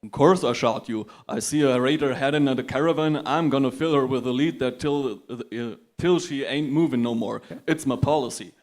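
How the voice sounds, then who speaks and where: A man reading a gruff, trigger-happy male pegasus gunslinger with a folksy drawl, performed as a live script reading. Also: mid-range voice, moderate pace, hardly any pauses, darkish tone, close to an everyday voice. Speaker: script reader.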